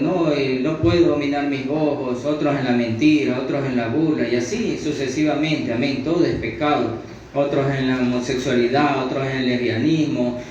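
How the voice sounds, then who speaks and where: A preacher with a Latin American Spanish accent teaches the Bible in an unscripted sermon, his medium-pitched voice slightly mellow. He repeats himself, restarts haltingly and punctuates phrases with "amen." The mic is distant in a very echoey room, giving a dull sound with faint noise.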